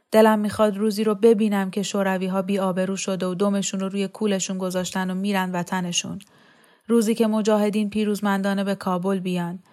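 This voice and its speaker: A woman reading the part of a grieving mother who mourns her two sons, speaking softly and wearily. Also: mid-range voice, lightly acted. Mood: weary. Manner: soft, weary, subdued.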